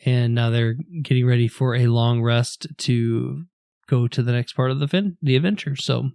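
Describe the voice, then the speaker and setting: A man's voice: mid-range voice, fairly even intonation, normal speed, gravelly, a little mellow, clear, resonant tone, dry recording, clean studio sound. A man co-hosting a podcast, chatting casually in a laid-back, rambling way with filler words. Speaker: podcast co-host.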